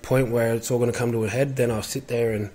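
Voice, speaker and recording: A man in his twenties with a medium-pitched voice talks casually as a guest on a podcast. He is laid-back and slangy, repeating his phrases as he tells anecdotes. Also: level tone, fast talker, warm tone, slight background noise. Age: 20s. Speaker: podcast guest, rugby league player.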